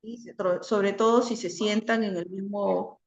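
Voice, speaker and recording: A woman giving an online class lecture, often ending phrases with a questioning tag and pausing on fillers. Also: medium pitch, steady tone. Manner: frequent "¿no?" tags and hesitations. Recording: roomy, dull lo-fi audio.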